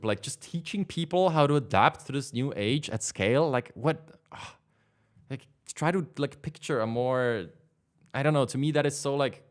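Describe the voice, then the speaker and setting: A young man in his twenties hosting a casual livestream from his desk, rambling and leaning on fillers as he answers chat. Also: medium pitch. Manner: rambling, filler-heavy, lots of "like". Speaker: livestream host. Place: home studio desk.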